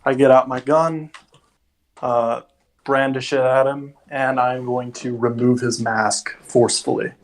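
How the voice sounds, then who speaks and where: A man's voice: medium pitch, fairly even intonation, a little slow, rough recording. Man thinking aloud as a player. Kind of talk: tabletop game play.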